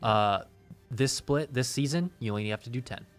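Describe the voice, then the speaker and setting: A man's voice: mid-range voice, moderate pace, faint music behind. A man presenting game updates as a developer in casual, explanatory show talk.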